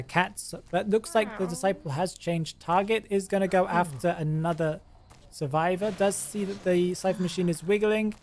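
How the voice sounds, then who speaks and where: There's a little hiss or hum behind this mid-range voice. It belongs to a channel host commentating on a game in a relaxed, chatty way, musing aloud and frequently abandoning sentences to begin again.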